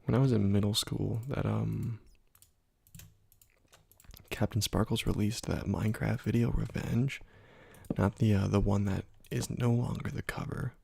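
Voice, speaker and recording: A young adult man who hosts a gaming ASMR channel half-whispers close to the mic as he plays, rambling in a laid-back way through long stories full of fillers. His soft, whispery voice is heavily gravelly and breathy-husky, pitched on the low side with little pitch movement and a slightly slow pace. The room sound is completely dry.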